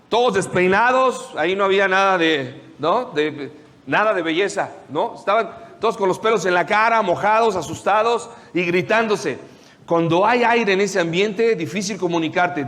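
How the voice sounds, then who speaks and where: A man preaching a sermon, retelling the story with lively questions to his listeners. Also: sits high, in a large hall. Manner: animated storytelling, asks the audience questions.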